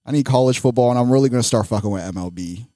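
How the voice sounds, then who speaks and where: A man's voice: mid-range voice, rapid-fire, mellow, no room sound, studio quality. A man co-hosting a casual sports podcast, talking in slangy bro speak with frequent swearing. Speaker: podcast co-host.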